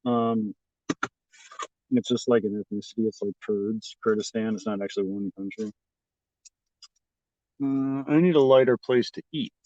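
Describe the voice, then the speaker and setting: A man's voice: fairly low pitch, normal speed, long pauses, warm tone, dry recording. A man streams live to his chat while out on city streets, wandering from thought to thought with plenty of swearing and filler words. His voice sits in a dry, close pickup from his phone, slightly dull and lo-fi. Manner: offhand, profane, rambling with many fillers. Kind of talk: casual rambling chat. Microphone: phone held by the streamer.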